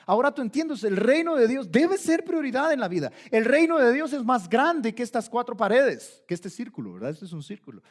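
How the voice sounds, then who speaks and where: High-voiced pastor preaching emphatically. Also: male voice, sing-song, a little fast, hardly any pauses. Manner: emphatic, direct address, repeated commands. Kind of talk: sermon. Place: church.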